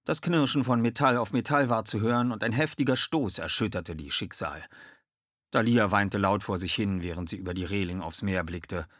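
A man narrating a children's audiobook in a lively, expressive reading. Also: lowish voice, moderate pace, no echo, studio quality.

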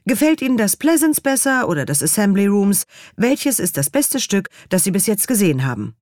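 A woman voicing a cheerful, teasing young man with a lively questioning tone, in an audiobook reading. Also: mid-range voice, normal speed, no room sound, clean studio sound, pitched above the performer's own voice, natural voice.

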